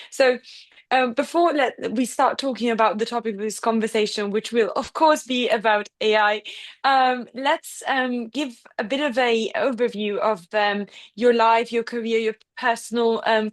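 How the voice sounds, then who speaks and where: A young woman in her twenties hosting a podcast, chatty and enthusiastic, with frequent fillers. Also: on the high side. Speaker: podcast host.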